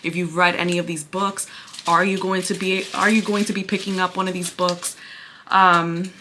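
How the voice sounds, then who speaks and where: A woman chatting casually through a book review to camera, sounding breathy and out of breath. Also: fairly low pitch, little pitch movement, normal speed, sharp tone, a little hiss or hum. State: out of breath from pregnancy.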